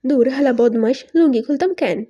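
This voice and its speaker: A stingy, foul-mouthed young husband, voiced by a woman reading the story in a high, mellow voice. He blusters and swears in coarse village dialect, quick to take offence. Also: muffled recording. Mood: irritated. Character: cursing, stingy young man, newly married.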